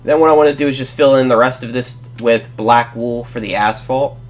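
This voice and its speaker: Speaking a little fast in a mid-range voice over slight hiss or hum, this young Let's Play host sounds blocked up from a cold. His laid-back building tutorial wanders, with frequent self-corrections and apologies.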